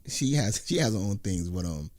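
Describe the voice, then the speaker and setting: A man's voice: lowish voice, lively intonation, normal speed, darkish tone, dry recording, studio quality. A man from the United States co-hosting a podcast, talking loosely and slangily in casual chat. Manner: loose slangy talk, says "yo" and "you know what I'm saying". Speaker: podcast co-host.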